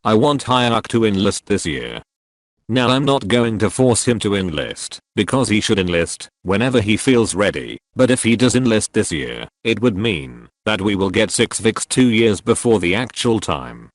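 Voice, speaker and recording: A text-to-speech male voice reading a scripted opinion commentary with an even, synthetic delivery. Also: on the low side, normal speed, no room sound, clean studio sound. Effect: text-to-speech robot voice.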